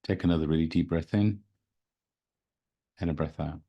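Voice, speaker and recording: A man speaking as a spiritual host, leading a guided meditation in a gentle, soothing, unhurried manner. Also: very deep voice, steady tone, breathy edge, lo-fi sound. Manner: slow, soothing, gentle delivery. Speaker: podcast host and spiritual reader.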